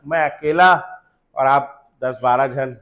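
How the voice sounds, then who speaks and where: Slow-talking chatty male teacher. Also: medium pitch, dull audio. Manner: chatty, rhetorical tag questions, drills formulas by loud slow chanting. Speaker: chemistry teacher. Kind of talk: classroom lecture. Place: classroom.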